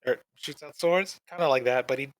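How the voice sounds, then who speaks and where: A man co-hosting an anime podcast, giving a rambling, deadpan and dismissive casual review. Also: mid-range voice, brisk, no room sound. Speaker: podcast co-host.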